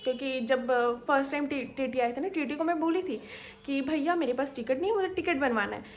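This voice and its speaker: A woman's voice: sits high, a little fast, soft background music. A young woman vlogging on a crowded local train, chatty and storytelling, retelling her conversations at length. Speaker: travel vlogger. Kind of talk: casual vlog storytelling.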